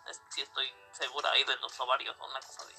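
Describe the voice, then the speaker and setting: A woman's voice: a bass voice, little pitch movement, quick pace, gravelly, pushed and bright, faint music behind. A woman, a podcast co-host chatting casually and adding wry, teasing asides. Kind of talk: casual chat.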